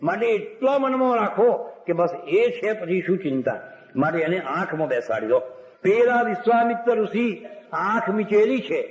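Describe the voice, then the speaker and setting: A man telling devotional stories as a sermon, narrating old myths, voicing the characters and breaking into sung verses. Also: sits high. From Gujarat, India. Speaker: religious storyteller. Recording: echoey hall recording.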